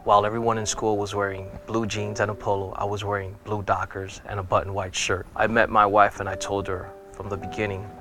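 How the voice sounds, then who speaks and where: A Puerto Rican airman in his thirties tells his life story in an earnest, reflective personal interview testimony. His voice is on the low side, bright and forceful, with flat delivery, a slightly fast pace and few pauses, and music plays underneath.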